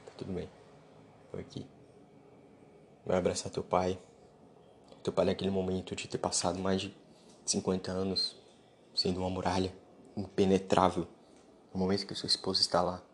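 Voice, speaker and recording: A man speaks into a close podcast mic. He lectures bluntly and informally, talking straight at the listener in a solo monologue. A faint hum of ambient noise sits under his voice. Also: deep voice. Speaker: podcast host.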